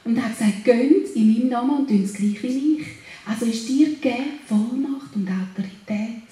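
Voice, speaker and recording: A woman preaches a sermon, urging her listeners on and building to loud declarations. Her voice sits a little high and sounds mellow. The room around her echoes heavily. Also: normal speed. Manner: exhorting, rising to louder declarations.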